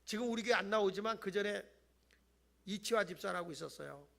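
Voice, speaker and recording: A middle-aged male pastor giving an animated Friday night sermon in a church, acting out whiny voices and shouting. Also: high voice, a little fast, gravelly. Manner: animated, acts out voices of people he tells about, mock-whines and shouts. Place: church sanctuary.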